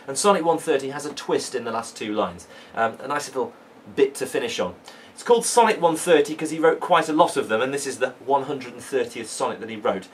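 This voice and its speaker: A man's voice: medium pitch, lively intonation, a little fast, few pauses, a little hiss or hum. A man teaching a poetry lesson from home, chatty and enthusiastic, with plenty of fillers and restarts. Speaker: English teacher. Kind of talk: casual video lesson. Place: living room at home.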